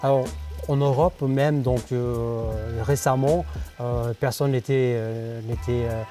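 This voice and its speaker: A man's voice: mid-range voice, steady tone, slow, mellow, faint music behind. A man, a disinfection professional answering interview questions earnestly, often hesitating with fillers.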